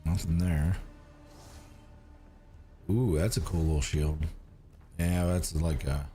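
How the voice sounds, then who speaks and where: A man with a deep, warm, steady voice speaks slowly as faint music sits in the background. Streaming a game while shaking off a cold, he chats to viewers in a rambling way, full of fillers and restarts.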